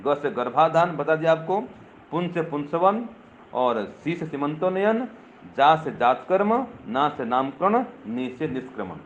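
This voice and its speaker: Older male preacher, lively and questioning, slightly muffled recording with faint ambience. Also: on the high side, measured pace, slight background noise. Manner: lively teaching tone, checks with rhetorical questions; addresses listeners directly, teasing. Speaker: swami. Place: gathering with a live audience.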